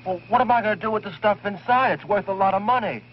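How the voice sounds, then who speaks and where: A man's voice: sits high, fast talker, lightly acted. Man playing a defiant, sarcastic young hipster. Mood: protesting. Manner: mocking, slangy. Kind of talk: 1960s B-movie acting. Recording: muffled old film soundtrack.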